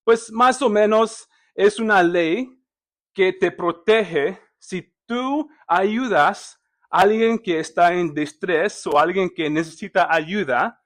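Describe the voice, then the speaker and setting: Male preacher, high voice, slow and hesitant, questions the congregation. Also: fairly bright tone. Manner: conversational, asks the congregation questions; hesitant, many fillers and restarts. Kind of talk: sermon.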